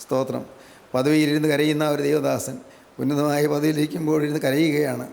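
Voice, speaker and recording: A man with a gravelly voice preaches in steady, insistent rhythms. He sits a little high for a man, and his pitch barely moves. His words hang in a long hall reverb. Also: fairly quick. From Kerala, India. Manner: fervent, rhetorical questions, repeated praise refrains. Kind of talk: sermon.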